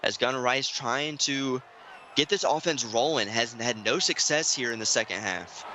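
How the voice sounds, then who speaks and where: A man doing play-by-play commentary for an online football game, keeping his voice hushed and excited, climbing high and loud on big plays. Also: moderate pace, noisy background. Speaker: play-by-play announcer. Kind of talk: sports commentary. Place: home room, streaming.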